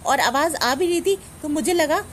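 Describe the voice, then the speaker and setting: A woman's voice: sits high, moderate pace, a little hiss or hum, lightly acted. A woman playing a put-upon young daughter-in-law who mutters complaints in a family comedy skit. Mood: defensive.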